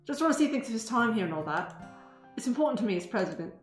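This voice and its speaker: A woman voicing a caring, polite schoolgirl club president in an amateur visual novel reading, gentle and reassuring. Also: on the high side, very animated, fast talker. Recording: roomy sound, music behind.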